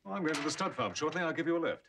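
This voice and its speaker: A man's voice: a little high, expressive, racing, gravelly, background noise. An actor playing a concerned, reassuring male friend in an earnest television soap style. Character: concerned, reassuring male friend offering level-headed advice. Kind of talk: television soap drama acting.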